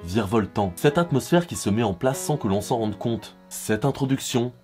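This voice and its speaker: A man's voice: mid-range voice, animated, moderate pace, darkish tone. A young man giving scripted, enthusiastic commentary on music, with a self-mocking humor. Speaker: music reviewer.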